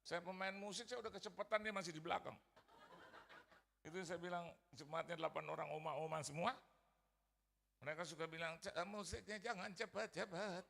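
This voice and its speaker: A man's voice: on the high side, fairly even intonation, a little fast, creaky, pauses often, sharp tone, slight background noise. A middle-aged male pastor preaching a sermon as a personal story, acting out quoted voices and mixing in English phrases. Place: large church hall. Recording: church hall reverb.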